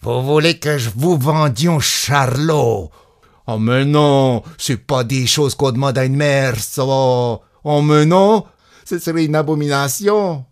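A man voicing a stubborn peasant mother who talks in rough rustic country speech. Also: on the high side, sing-song, a little slow, dry recording, studio quality, pitched above the performer's own voice. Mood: furious.

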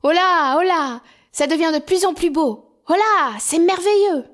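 A woman voicing a cheerful, boisterous young male simpleton in a storybook tale, calling out loudly and excitedly. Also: fairly high pitch, moderate pace. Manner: loud, excited calls.

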